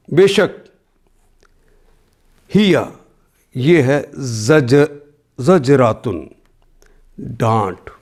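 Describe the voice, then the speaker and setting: A man teaching a word-by-word Quran translation, reciting each verse slowly and then explaining every word in plain, patient teaching. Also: mid-range voice, darkish tone. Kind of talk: word-by-word scripture lesson.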